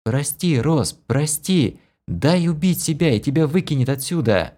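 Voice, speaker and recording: A man's voice: on the high side, big pitch swings, slow pace, a little mellow, voice pushed up, exaggerated voice. A man voicing a frightened, guilty young woman who pleads and apologizes, in a raised voice, in an audiobook. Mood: pleading. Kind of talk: audiobook character voice.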